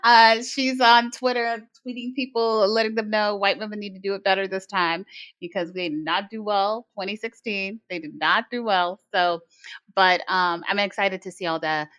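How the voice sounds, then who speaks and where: A woman co-hosting a podcast in casual chat, animated and quick to laugh. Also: fairly low pitch. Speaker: podcast co-host.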